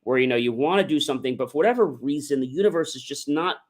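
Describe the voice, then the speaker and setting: Hosting a motivational livestream, a man talks in a loose, rambling, conversational style full of emphatic asides. His mid-range voice is fast, with lively intonation.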